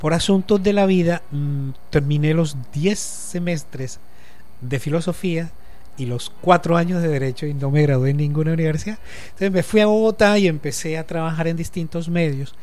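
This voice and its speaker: A man in his fifties with a Caribbean Colombian accent and a slightly higher-than-usual pitch for a man. He talks in a relaxed radio interview, working through long, reflective explanations. He pauses often and leans on small fillers as he thinks. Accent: Colombian Caribbean coast. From Colombian Caribbean coast. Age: 50s. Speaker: guest, journalist and lecturer. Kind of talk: casual radio interview talk.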